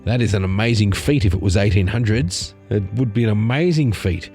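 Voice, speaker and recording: A man's voice: fairly low pitch, fairly quick, mellow. A man hosting an informal news commentary on memes, rambling along in a casual, sardonic way. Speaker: host of a satirical news commentary channel. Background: music.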